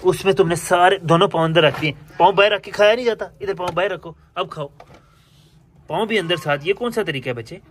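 Loud birdsong runs through this outdoor clip of a young pet and bird vlogger in his home yard with pet cages. He speaks fairly quickly in a high-sitting voice, playfully scolding and coaxing his animals as he films them casually. There's slight background noise.

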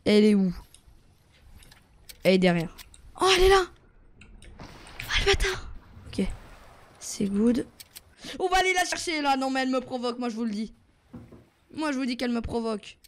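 High-voiced excitable young male gamer. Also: moderate pace, long pauses, a little hiss or hum. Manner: excitable, jumps between yelps and muttering to himself. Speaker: gaming YouTuber. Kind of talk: live gameplay commentary.

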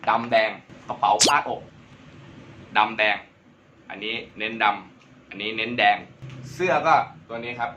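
A man's voice: fairly low pitch, a little slow, long pauses, sharp tone, muffled recording, slight background noise. A young man hosting a casual Q&A vlog, joking and using crude slang. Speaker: vlogger.

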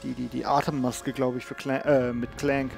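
A man's voice: medium pitch, flat delivery, normal speed, gravelly. A man giving casual, off-the-cuff gameplay commentary, repeating words as he searches for them. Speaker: let's play host. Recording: game music behind the voice. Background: video game music.

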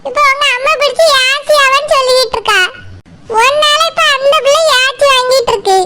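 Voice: very high voice, sharp tone, exaggerated voice. A performer voicing an older village aunt who lectures her nephew, in a Tirunelveli accent. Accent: Tirunelveli Tamil. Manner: scolding, lecturing.

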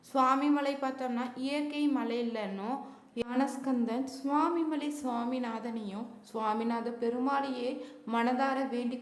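Woman narrating temple lore, roomy echo. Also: fairly high pitch. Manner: casual spoken Tamil with fillers like "you could say". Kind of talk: colloquial devotional narration.

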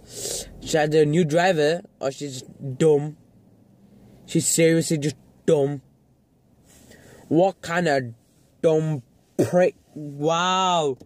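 A man's voice: on the high side, fairly even intonation, very slow, long pauses, darkish tone, slight background noise. A young man vlogging a ranting commentary, swearing a lot and mimicking the people he watches in exasperated tones. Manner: exasperated, swearing, mocking put-on voices.

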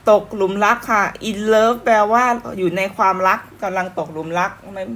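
Woman teaching english online, chatty and patient, repeats stuff slow with lots of pauses. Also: mid-range voice, a bit bright. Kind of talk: casual online lesson.

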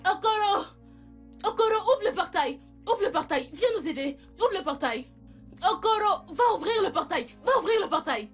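A woman's voice: extremely high pitch, expressive, normal speed, soft background music. A woman dubbing an anxious housemaid in a French film dub, calling out urgently for help.

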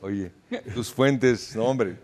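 A man's voice: on the low side, very slow, darkish tone. An older man with a Mexican accent, a soccer pundit arguing emphatically in a studio debate. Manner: emphatic, laughs while pleading.

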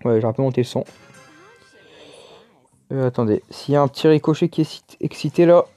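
A man's voice: mid-range voice, a little fast, dark tone, no room sound, soft background music. A man giving casual, chatty commentary over his own gameplay, exclaiming and muttering to himself as he plays. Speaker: gaming YouTuber.

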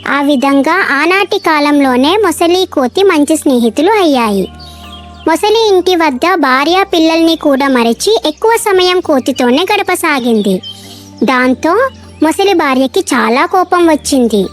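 A woman narrating a children's cartoon story in a bright storytelling way. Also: sits high, lively intonation, unhurried, faint music behind.

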